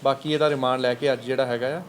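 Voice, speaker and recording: A police officer fields questions from the press at a quick clip. His voice sits at a middling pitch for a man. He rambles, packing his answers with fillers and official terms, over a faint hum of background noise. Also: fairly even intonation. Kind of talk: press briefing answering reporters.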